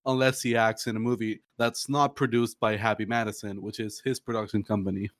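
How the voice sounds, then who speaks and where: A man's voice: fairly low pitch, level tone, fairly quick, no echo. A young man from Puerto Rico in casual podcast banter, blunt and foul-mouthed.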